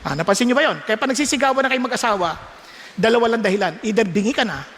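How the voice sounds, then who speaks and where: A man's voice: very high-pitched, expressive, racing, fairly bright tone, long reverb tail, a little hiss or hum. An older male pastor preaching a sermon, mixing languages and checking in with the congregation with frequent questions. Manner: preaching in mixed Tagalog and English, with questions to the congregation.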